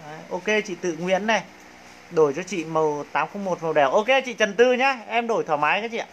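A man's voice: high voice, fast, fairly bright tone, a little hiss or hum. Northern Vietnamese man with hyping salesman's patter. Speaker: livestream clothing seller. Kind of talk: live sales pitch.

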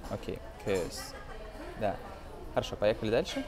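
An English teacher in his twenties gives an informal, film-based language lesson, explaining hesitantly one phrase at a time. His voice is on the low side and sing-song, at a normal speed.

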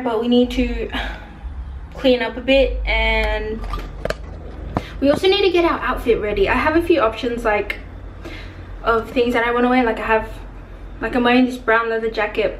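A woman's voice: fairly high pitch, normal speed, noisy background. A woman, chatting casually into a handheld camera in a rambling vlog style. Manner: chatty, rambling, filler-heavy. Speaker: vlogger. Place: car, gym and home. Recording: music playing behind.

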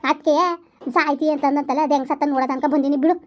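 A woman playing a sharp-tongued village wife who scolds her husband in a rapid, furious rush, in a comedy skit. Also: high voice, level tone, lightly acted. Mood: scolding. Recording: muffled lo-fi sound.

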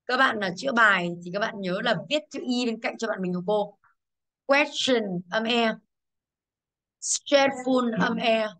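A woman's voice: on the high side, measured pace, a bit bright. A woman teaching English to a class, quizzing pupils and drilling pronunciation. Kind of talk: classroom lesson.

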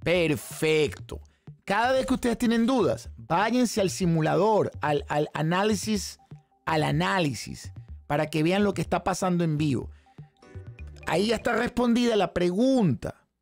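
A man with a Venezuelan Spanish accent, hoarse, teaching a live trading lesson and firing rhetorical questions at his viewers. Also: high-pitched, unhurried, faint music behind. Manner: animated, talks straight to the chat audience with frequent rhetorical questions. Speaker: trading instructor.

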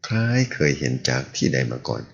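A man reading a translated martial-arts novel aloud as the serial's narrator, telling it in an animated way. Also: fairly quick. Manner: animated storytelling. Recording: dull lo-fi audio.

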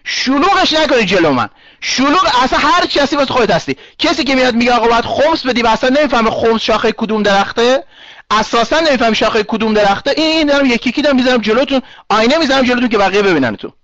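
Brief: high-pitched male chat room host, combative and insistent, dry, dull lo-fi online audio. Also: expressive, fairly bright tone, no echo. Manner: argumentative, repeats himself, interrupts callers. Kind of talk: heated online talk room moderation.

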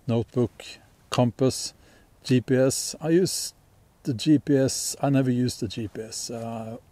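Norwegian guy in the woods talking gear, slow easy pace, mellow low voice, lots of ums. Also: slightly rough. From Norway. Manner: relaxed, rambling, many ums and restarts. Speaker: bushcraft channel host. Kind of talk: casual outdoor gear talk. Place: outdoors in a sunny forest clearing.

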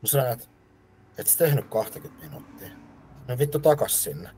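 A man with an average male pitch, a personal trainer on a casual podcast. He rambles brashly through stories and swears freely. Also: animated, dark tone, slight background noise.

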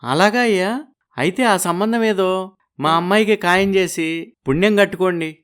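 A man's voice: high-pitched, normal speed, a bit bright, clean tone. A man voicing a poor, worried village father who speaks humbly and pleads respectfully. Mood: pleading. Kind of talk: audio story acting.

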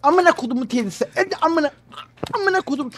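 A young man streaming gameplay, swinging between loud, profane outbursts and low mutters, and talking to his chat. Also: animated, quick pace. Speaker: gaming streamer. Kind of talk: live gameplay commentary.

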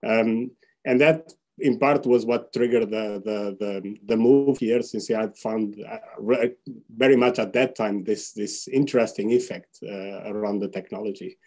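A Portuguese-accented professor in his thirties, appearing as a seminar guest, gives a spontaneous account of his career from indoors on a video call with a virtual background. His voice is lowish, steady, unhurried and somewhat dark, and he speaks off the cuff, hesitating and repeating words.

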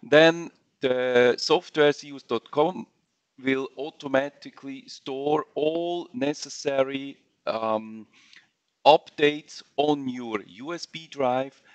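Man trainer, slow halting webinar walkthrough, dull dry audio. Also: medium pitch, fairly even intonation, dry recording. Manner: halting non-native English with fillers and restarts. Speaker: software trainer. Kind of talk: webinar screen-share walkthrough.

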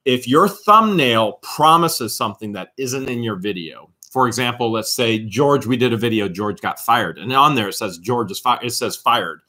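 A man in his forties co-hosts a live Q&A stream from a small home studio. His voice is bright and forward at a medium pitch, and he explains points emphatically, jumping into quick impressions of how other people react. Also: lively intonation. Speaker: co-host of a live Q&A show.

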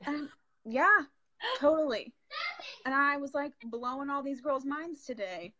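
A woman's voice: high voice, measured pace, sharp tone. A woman with an Oklahoman accent chatting casually on a live video, animatedly retelling conversations with quoted reactions.

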